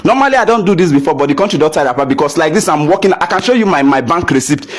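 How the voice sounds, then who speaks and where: In a very fast, expressive delivery on the high side, a young Nigerian photographer vents to camera. His fiery rant mixes Pidgin with English and keeps hammering rhetorical questions.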